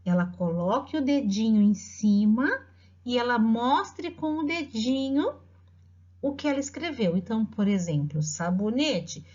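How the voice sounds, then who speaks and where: A middle-aged woman teacher with a Brazilian Portuguese accent, patiently explaining to parents and dictating words slowly. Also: a little high, big pitch swings, a little mellow. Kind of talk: instructional talk to parents. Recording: dull lo-fi audio.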